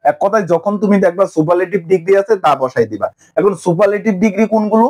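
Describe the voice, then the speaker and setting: A man's voice: high voice, fast talker, darkish tone. A young man teaches an English grammar lesson online, asking questions and answering them himself.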